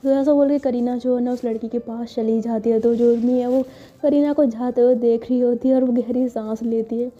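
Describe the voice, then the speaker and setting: Woman storyteller, casual chatty retelling; dark mellow voice, dull lo-fi sound. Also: fairly high pitch, steady tone, fairly quick. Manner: chatty, filler-heavy retelling. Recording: dull lo-fi with faint music.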